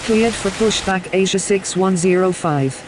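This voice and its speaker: A woman's voice: mid-range voice, unhurried. A woman voicing a businesslike airline pilot over the radio, giving clipped, procedural calls in a flight simulator game. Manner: clipped, procedural read-backs. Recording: loud hissing radio static.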